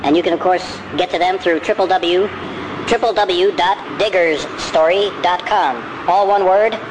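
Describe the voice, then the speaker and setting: A man's voice: high voice, normal speed, noisy background. Man with a sped-up chipmunk voice. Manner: rambling, self-correcting. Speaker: podcast host. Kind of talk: casual podcast monologue.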